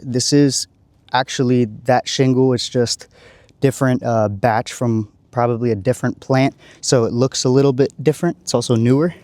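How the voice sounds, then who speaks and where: A man working as a roofer, talking through a shingle repair step by step, his voice going hoarse after a long day. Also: medium pitch, dark tone, no echo. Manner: careful, explaining each step. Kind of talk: on-site repair walkthrough. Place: on a rooftop outdoors.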